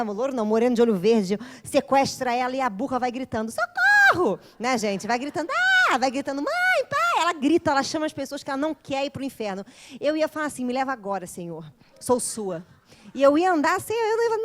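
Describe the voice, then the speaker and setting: A woman lecturing a course, retelling a myth in a playful, jokey way and chatting with her audience. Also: a little high. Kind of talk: humorous storytelling lecture.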